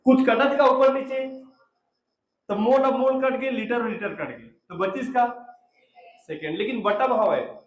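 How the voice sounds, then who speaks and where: A man's voice: very high voice, measured pace, long pauses, roomy sound. A man teaching a chemistry class, repeating answers and prompting his students. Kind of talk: classroom lecture.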